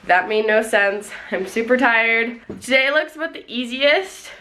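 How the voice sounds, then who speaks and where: A woman's voice: fairly high pitch, lively intonation, unhurried, pushed and bright, slight background noise. A woman vlogging casually to a handheld camera while trekking outdoors, chatty and narrating what she is doing. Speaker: travel vlogger. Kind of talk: casual travel vlog. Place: outdoors on a mountain trek.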